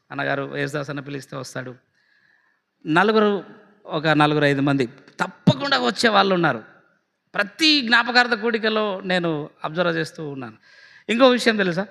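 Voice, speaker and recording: A man preaching a sermon as pastor, acting out scenes in dramatic storytelling with big swings in pitch and stretched-out words. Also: gravelly, sharp tone, in a large hall. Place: church hall.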